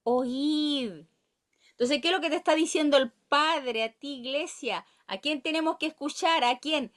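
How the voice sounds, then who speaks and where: A woman's voice: sits high, unhurried. A woman with a Chilean accent teaching a Bible study, reading verses aloud and asking her listeners questions.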